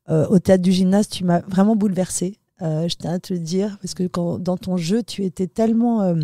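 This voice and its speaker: A woman's voice: on the low side, dark tone, no room sound, clean studio sound. A woman hosting a casual interview, asking questions and giving short, encouraging responses. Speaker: podcast host.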